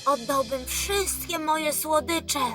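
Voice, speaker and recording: An actor voicing an excitable little boy who loves sweets in a cartoon dub, loud and easily thrilled. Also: high-pitched, slow, loud music behind the voice. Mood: excited. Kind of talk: cartoon dub, sung theme song.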